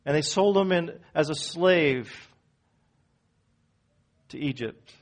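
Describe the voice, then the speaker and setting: A man preaching a sermon as pastor in a church, swinging from loud emphatic peaks down to low quiet phrases. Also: animated, takes it slowly. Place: church sanctuary.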